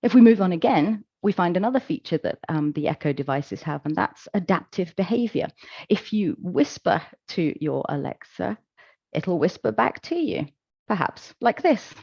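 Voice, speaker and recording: Low-voiced woman giving a measured talk. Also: animated, vocal fry, breathy edge, no echo, muffled recording. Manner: measured, explanatory, gentle fillers. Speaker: conference speaker. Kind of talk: presentation talk.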